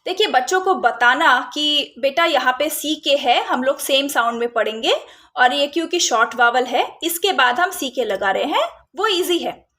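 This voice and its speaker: A woman's voice: high-pitched, animated, pushed and bright. A woman explaining a phonics spelling rule to parents, patiently sounding out letters and words, mixing in English terms. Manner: slow, patient, mixes Hindi and English words. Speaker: phonics teacher and parenting vlogger.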